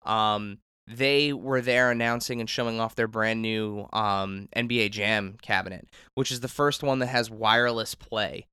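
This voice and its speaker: A man's voice: fairly low pitch, fairly even intonation, measured pace, hardly any pauses, bright, forceful tone, clear, resonant tone, no room sound, clean studio sound. A man in his thirties hosting a trade show recap, chatty and enthusiastic, interviewing guests and using many fillers. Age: 30s. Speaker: host, reporter.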